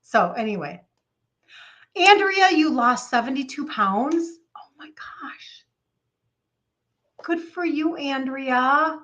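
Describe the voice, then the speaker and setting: Speaking slowly with a high-sitting voice and frequent pauses on dull audio, a Minnesota woman in her fifties runs a casual live stream as a health coach. With her local accent, she greets viewers by name in an excitable, gushing way, repeating phrases for emphasis.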